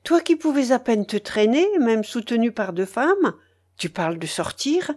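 A woman's voice: a little high, big pitch swings, moderate pace, a little mellow. A woman voicing an astonished marquis in a read-aloud novel, incredulous and affectionate toward his wife. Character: astonished middle-aged marquis, doting husband.

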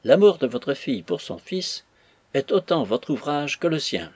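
A man voicing a loyal young army captain in an audiobook, speaking calmly and politely with a husky voice. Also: a little high, measured pace, no echo, full character voice. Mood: earnest. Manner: calm, polite, persuasive. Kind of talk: audiobook character voice.

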